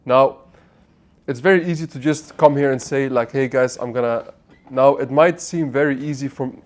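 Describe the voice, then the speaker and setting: Talking straight to the viewer from his apartment, this man in his twenties, raised in the Netherlands, delivers an off-the-cuff motivational monologue as an online business vlogger. He's blunt and swears, often restarting phrases, in a mid-range voice at normal speed.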